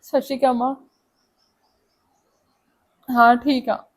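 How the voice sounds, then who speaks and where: A woman's voice: high voice, little pitch movement, slow. An actress playing a married daughter coaxing her mother to visit, on the phone.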